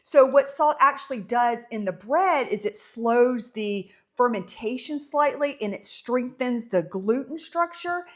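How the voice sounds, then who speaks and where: A woman with a warm Southern lilt talks through a bread recipe in a home kitchen. She is casual and chatty, fills gaps with ums, and teases herself about small slips along the way. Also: on the high side, expressive, a little slow, hardly any pauses. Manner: chatty, self-amused, many ums. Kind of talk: casual baking tutorial.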